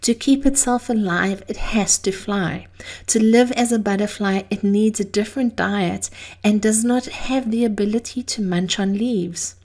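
A woman with a mid-pitched, heavily creaky voice delivers a scripted motivational monologue. She speaks theatrically and deliberately, stretching phrases for emphasis as she addresses her listeners. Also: darkish tone. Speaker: host of a daily inspirational series.

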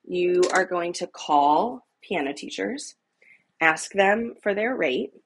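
A woman's voice: lowish voice, expressive, slow, breathy edge, heavily acted. A woman voicing her own mother, a patient and encouraging parent talking to her young child. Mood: firm. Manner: firm then gently reassuring.

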